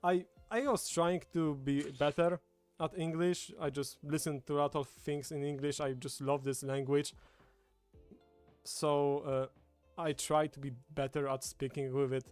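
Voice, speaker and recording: This man's voice is a little high yet darkish, clear, and resonant, with fairly even intonation and an unhurried pace. He's from Poland, a native Polish speaker with a Polish accent, casually chatting as he hosts a livestream indoors at a table with a streaming setup. Background music plays.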